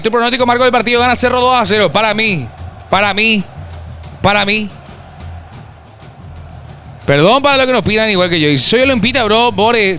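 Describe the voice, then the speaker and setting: A young man in his twenties with a high, bright, forceful voice. He hosts a casual football live stream, bantering and reading chat messages aloud. Faint music plays underneath. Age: 20s. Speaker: streamer hosting a football watch-along.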